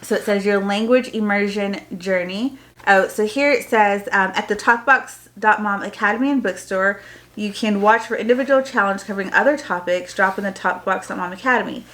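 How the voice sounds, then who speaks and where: A woman with a medium-pitched, fairly bright voice talks a little fast. A homeschooling parent vlogger, she does an informal, explanatory unboxing, chatting casually and reading printed bits aloud along the way.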